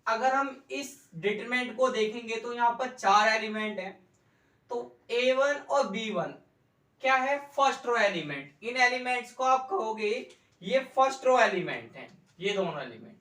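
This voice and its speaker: A man explains math at a board, slowly and patiently. He repeats each point and asks his students questions as he goes. He sounds some distance from the mic, in an echoey classroom. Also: extremely high pitch, lively intonation, pushed and bright. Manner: slow, repetitive, quizzes students with questions. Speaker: economics tutor. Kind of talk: whiteboard math lesson. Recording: echoey room, mic far off.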